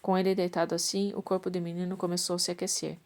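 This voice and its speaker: A woman's voice: lowish voice, little pitch movement, fast. A woman reading a Bible story aloud, stumbling at times and correcting herself as she goes. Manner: reads with restarts and self-corrections. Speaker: Bible reader.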